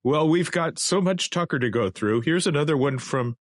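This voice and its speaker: A man's voice: on the high side, moderate pace, no echo, studio quality. A man hosting a casual political talk show, walking through cartoons and debating a guest. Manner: animated, reads out cartoon captions. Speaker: host.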